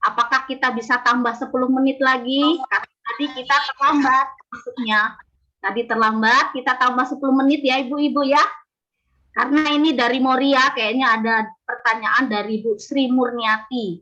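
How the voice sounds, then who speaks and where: A woman's voice: high-pitched, steady tone, normal speed, sharp tone, dull audio. A woman moderating a webinar, chatty and lightly teasing as she relays questions. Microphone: video call.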